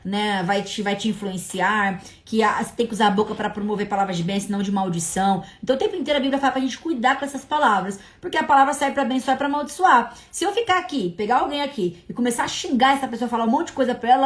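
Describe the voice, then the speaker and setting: A woman from hosting a casual livestream Bible study, talking in an animated, chatty way. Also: a little high, fast, few pauses. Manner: animated, chatty, breaks into laughs. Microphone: livestream mic.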